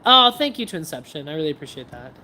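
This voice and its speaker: A woman's voice: sits low, big pitch swings, fast talker, sharp tone. A woman hosting a casual livestream, chatting with viewers in a scattered, self-interrupting way as she shows her practice swords.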